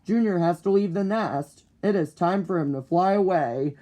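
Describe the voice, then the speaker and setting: A man reading the lines of a steady, dutiful father bird in a storybook, in a reassuring, matter-of-fact way. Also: sits high, moderate pace, lightly acted.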